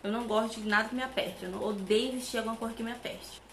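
A woman's voice: fairly high pitch, racing, slight background noise. Chatty Brazilian woman, echoey room. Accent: Brazilian Portuguese. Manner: chatty, animated, many asides to viewers. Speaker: vlogger. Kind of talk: casual chat to camera. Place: hot room at home with a fan running.

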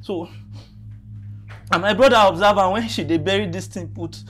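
A woman's voice: medium pitch, normal speed, faint music behind, close to an everyday voice. A woman with a Nigerian accent playing a frightened captive who swears innocence and begs to be let go. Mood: confessing. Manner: pleading, swearing innocence, panicky. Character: frightened young man caught by kidnappers.

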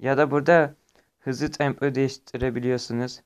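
A man's voice: medium pitch, level tone, a little fast, clean tone. A man giving a casual, step-by-step walkthrough of an app in plain, repetitive explanations. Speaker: app tutorial presenter. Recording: noisy amateur recording with clicks.

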